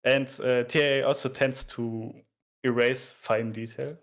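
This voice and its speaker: A man explaining things informally in a casual chat, in a somewhat halting, hesitant way. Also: medium pitch, fairly even intonation. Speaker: explainer of video game graphics.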